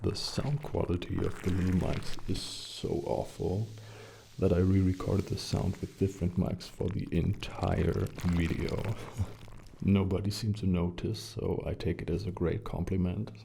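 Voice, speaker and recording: A man chatting gently in a soft-spoken, hushed and breathy ASMR style, relaxed and close to the mic. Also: sits low, unhurried, background noise. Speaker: ASMR video creator. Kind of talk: soft-spoken ASMR chat, slipping into whispers. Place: small quiet rented studio room. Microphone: close shotgun condenser mics.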